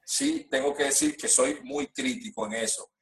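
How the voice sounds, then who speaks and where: A Venezuelan man, a guest rapper in a casual podcast chat, blunt and animated with heavy slang. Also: mid-range voice, moderate pace, low-quality recording.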